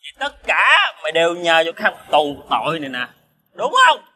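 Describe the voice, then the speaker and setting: An actor playing a hot-tempered, drunk male ex-convict, shouting indignantly in a TV crime drama. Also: on the high side, animated, fast talker, breathy edge, full character voice. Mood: drunk bitter.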